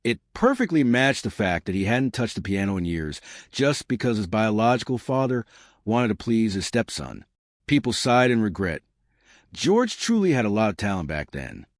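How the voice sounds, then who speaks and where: A man tells a first-person story briskly and wryly, very animated throughout. His low voice swings across a wide pitch range, and the recording is dry and close.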